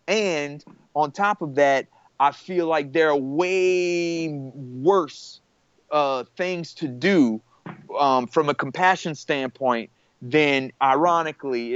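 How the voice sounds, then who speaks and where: A podcast guest with a medium-pitched voice talks casually in conversation, rambling with many restarts and fillers. The audio is dull, with no room sound.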